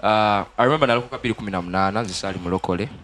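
Speaking into a handheld mic in a TV studio, a young Ugandan man gives his testimony as a gospel musician. He has a Ugandan accent and a lowish, somewhat bright voice, talks fast and earnestly, and switches between Luganda and English, with slight hiss or hum in the audio.

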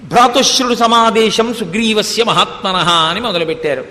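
A man's voice: high voice, normal speed, pushed and bright, big-room sound. A man giving a devotional discourse, telling an epic story, speaking the characters' words and reciting Sanskrit verses. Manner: narrates epic tale, voicing characters' quoted words.

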